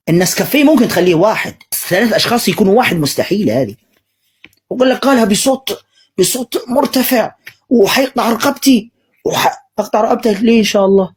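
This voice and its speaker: A man preaching in a rapid, husky voice that swings widely in pitch. He mocks and drives his points home with heavy sarcasm while answering recorded clips as a polemical commentator. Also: a little mellow. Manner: mocking, sarcastic, emphatic.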